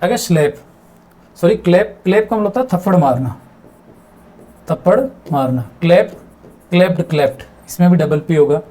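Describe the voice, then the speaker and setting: Man, English teacher, high voice, mellow tone, repeats key words, asks rhetorical questions. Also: normal speed, long pauses. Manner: mixes English terms into his explanations. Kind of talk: explaining grammar in a video lesson.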